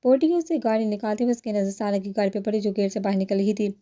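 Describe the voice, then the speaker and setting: Woman reading a romance novel out loud, really dark mellow voice, steady storytelling pace. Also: medium pitch. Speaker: novel reader.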